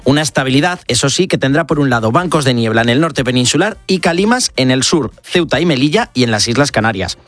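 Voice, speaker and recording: A man from La Mancha co-hosting a late-night radio show, chatting cheerfully and reading the weather briskly. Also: mid-range voice, expressive, fairly bright tone, dry recording. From La Mancha, Spain. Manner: brisk, cheerful, reads forecasts fluently. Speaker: radio co-host, weather presenter. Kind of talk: radio chat and weather report. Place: radio studio.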